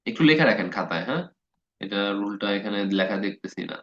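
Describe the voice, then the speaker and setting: A man's voice: fairly low pitch, expressive, quick pace, a bit bright. Man teaching grammar in a dull recording. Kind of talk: casual spoken lesson.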